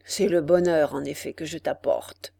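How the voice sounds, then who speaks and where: A woman voicing a sinister little demon man with a hoarse, muffled, mocking voice in a storybook reading. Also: deep voice, steady tone, normal speed, dark tone, dry recording, pitched below the performer's own voice, exaggerated voice. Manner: mocking and menacing.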